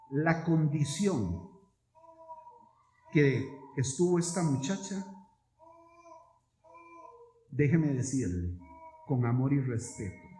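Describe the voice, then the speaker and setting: A man preaching a sermon as pastor, swinging from loud emphatic peaks to hushed low asides. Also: slight background noise. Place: church sanctuary. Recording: echoey church hall.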